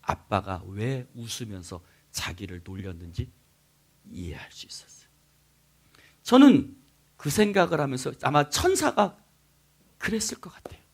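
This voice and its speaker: A middle-aged male pastor preaching a sermon, telling a story with sudden drops to whispers and rising shouts. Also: mid-range voice, sing-song, normal speed, creaky.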